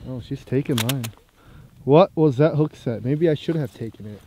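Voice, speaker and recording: A man's voice: mid-range voice, moderate pace, heavy background noise. A man chatting casually for an outdoor fishing vlog on a frozen lake, with slangy buddy-like banter. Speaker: fishing vlogger.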